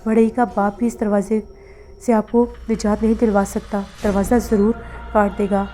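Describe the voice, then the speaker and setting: A woman's voice: mid-range voice, flat delivery, warm tone, soft background music, natural voice. A woman reading the lines of a confident old male faith healer in a horror story. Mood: calm, assuring. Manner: confident, reassuring.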